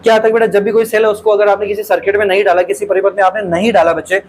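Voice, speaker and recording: A man's voice: high voice, little pitch movement, very fast, darkish tone, a little hiss or hum, poor audio. A male teacher solves exam questions aloud in a lecture, keeps calling his students "beta", and asks questions and repeats the answers.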